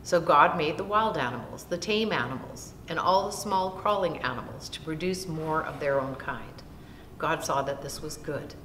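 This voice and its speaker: An older woman slowly reads a Bible story aloud for children, seated in a small room and taking long lists word by word. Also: fairly bright tone. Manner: slow, deliberate reading of long lists. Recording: roomy echo with long reverb and faint rumble.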